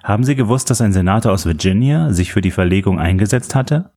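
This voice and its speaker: A man voicing an earnest male professor who explains his suspicions in a measured way. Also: lowish voice, expressive, dark tone. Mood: probing. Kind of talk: audiobook reading.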